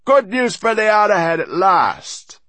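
A sly mocking piper, high bright sing-song voice, slow and sneery. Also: male voice, huge pitch swings, dry recording, exaggerated voice. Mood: sneering.

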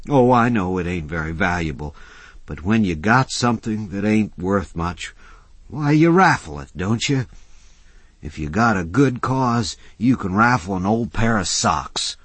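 A scrappy drifter coaxing a deal in a husky, folksy drawl, put on by a male audiobook reader. The voice sits higher than the reader's own and swings up and down with energy. The sound is close and dry. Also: expressive, unhurried, no echo. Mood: scheming. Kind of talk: audiobook character voice.

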